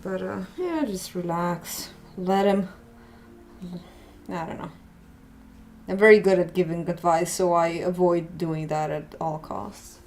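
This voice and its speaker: A woman's voice: lowish voice, steady tone, a little slow, long pauses, a little mellow, slight background noise. A woman chatting casually on a livestream while painting, laughing often and poking fun at herself. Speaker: streamer painting a mural.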